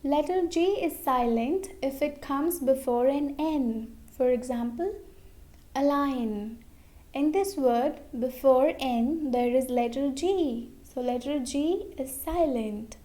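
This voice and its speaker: A woman with a fairly high, mellow voice teaches English pronunciation at a very slow, deliberate pace. She repeats each example word and checks in with a frequent okay. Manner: slow, repeats words, says okay often. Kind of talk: slow explanatory lesson.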